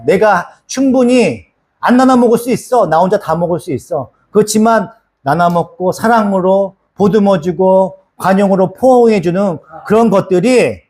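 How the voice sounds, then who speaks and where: A man's voice: high-pitched, a little mellow. A male pastor delivering a casual, conversational sermon that is full of rhetorical questions and asks the congregation for agreement. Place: church sanctuary.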